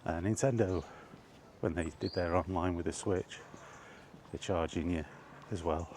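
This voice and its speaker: Walking in a park, a British man vlogs in a low, darkish voice with fairly even intonation and a measured pace. His talk is a casual ramble, hesitant and faintly grumpy, against a noisy outdoor backdrop.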